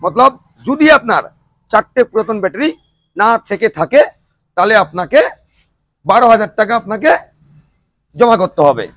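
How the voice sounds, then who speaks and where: Man, high voice, dry close sound, emphatic sales announcer, repeats key phrases, showroom promo style. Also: lively intonation, normal speed, pauses often, a bit bright, no echo. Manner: emphatic, repetitive announcer-like delivery with rhetorical questions. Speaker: showroom promoter presenting e-rickshaws. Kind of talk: promotional video sales pitch.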